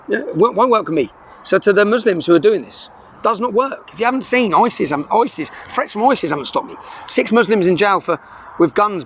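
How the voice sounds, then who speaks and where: A man's voice: sits high, slight background noise. A middle-aged man, speaking urgently and emphatically to the camera from inside a car, tagging his sentences with "yeah?". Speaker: vlogger. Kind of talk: impassioned address to camera. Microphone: camera filming in the car.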